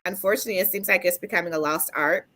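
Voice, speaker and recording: A woman's voice: fairly low pitch, very fast, a bit bright. A middle-aged woman speaking as a panel guest in a casual discussion, earnest and chatty, often laughing lightly between points.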